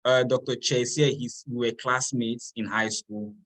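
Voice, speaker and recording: A man's voice: medium pitch, flat delivery, moderate pace, a bit bright. A man, moderating a webinar over a video call in an easygoing way. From Cameroon. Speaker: webinar host.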